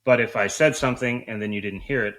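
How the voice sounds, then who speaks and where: A man's voice: mid-range voice, fast talker, a bit bright. A man giving conversational instruction as a coach, explaining things in an informal, colloquial way. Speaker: duck calling coach.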